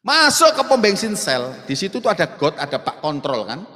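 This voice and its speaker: Animated high-voiced preacher with a Surabaya Javanese accent. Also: male voice, moderate pace. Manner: animated, addresses the congregation directly, slips into local dialect. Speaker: pastor. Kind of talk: sermon. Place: church sanctuary. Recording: echoey church hall with long reverb.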